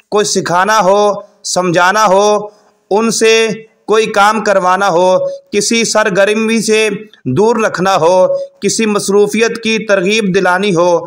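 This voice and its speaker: A man with a notably high voice reads out parenting guidance. His delivery is formal and measured, paced in short, deliberate phrases like a prepared talk. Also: a bit bright. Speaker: parenting advice presenter. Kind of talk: scripted advice narration.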